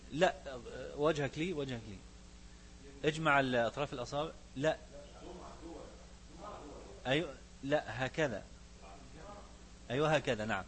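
A man's voice: mid-range voice, fairly bright tone, a little hiss or hum. A man with an Egyptian accent teaching a religious lesson, shifting between classical recitation and colloquial asides and putting questions to his students. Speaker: sheikh teaching a fiqh book.

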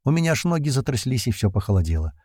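A man narrating an adventure audiobook in the first person, in a steady storytelling manner. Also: mid-range voice, racing, breathy edge, no room sound, studio quality.

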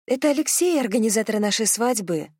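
Flustered young bride in an audiobook, pitched up high, read by a woman. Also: lively intonation, fairly quick, a little mellow, slightly rough, no room sound, clean studio sound. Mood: careful.

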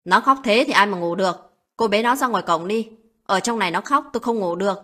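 A woman voicing a harsh older mother-in-law who yells cold insults at her daughter-in-law in a spoken story. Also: fairly high pitch, a little fast, breathy edge. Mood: angry. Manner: shouting, cold and abusive.

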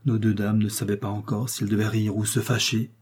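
A man reading a classic story aloud as an audiobook, measured and storytelling. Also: on the low side, flat delivery, darkish tone, husky. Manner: measured storytelling, voicing characters. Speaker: audiobook reader. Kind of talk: literary audiobook narration.

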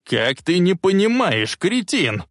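A man voicing a wheezing, cranky old man who talks in a bossy, insistent way and turns shrill when angry. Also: animated, measured pace, vocal fry, dry recording, clean studio sound. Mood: furious.

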